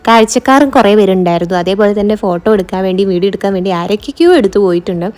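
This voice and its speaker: A woman's voice: mid-range voice, rapid-fire, darkish tone. A Malayali woman narrating a travel vlog casually, mixing English words into her Malayalam. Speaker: travel vlogger. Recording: music behind the voice. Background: music.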